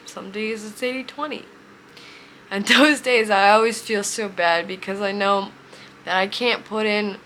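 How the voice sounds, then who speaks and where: A woman in her twenties telling a heartfelt personal story, emotional and near tears, speaking haltingly. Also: fairly high pitch, fairly bright tone, a little hiss or hum. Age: 20s. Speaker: vlogger.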